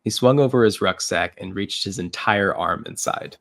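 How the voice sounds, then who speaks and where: A man narrating a fan story read-through in an even reading manner, with occasional slips. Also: low voice, moderate pace, no echo.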